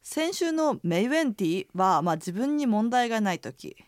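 A woman's voice: moderate pace, no echo, clean studio sound. A woman teaching a radio language lesson, explaining pronunciation with casual fillers. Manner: explanatory, uses fillers, lively pitch.

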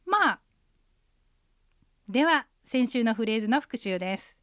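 A woman co-hosting a radio language lesson, speaking clearly and carefully and repeating sounds for learners. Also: on the high side, animated, brisk, no room sound, studio quality.

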